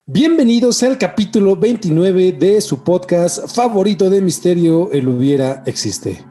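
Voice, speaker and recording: A man with a Mexican accent hosts a podcast, chatting casually after an announced intro. His voice is high-pitched and expressive, with a warm tone and a measured pace, and soft music plays in the background.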